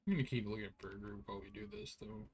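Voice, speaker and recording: A man's voice: fairly low pitch, steady tone, rapid-fire, a little mellow, slight background noise. A man streaming an online role-playing game, giving laid-back, rambling commentary full of "like" while sounding tired. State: tired, yawning. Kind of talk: casual gameplay commentary.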